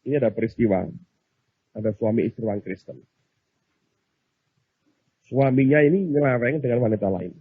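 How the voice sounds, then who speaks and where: Male pastor, husky high voice, dull lo-fi recording. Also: normal speed, pauses often, no echo. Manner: animated storytelling, acts out voices of people he quotes. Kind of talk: sermon.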